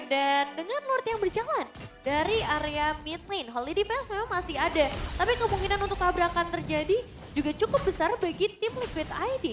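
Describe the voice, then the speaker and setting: High-pitched female esports analyst. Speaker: esports commentator. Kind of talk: analytical game commentary.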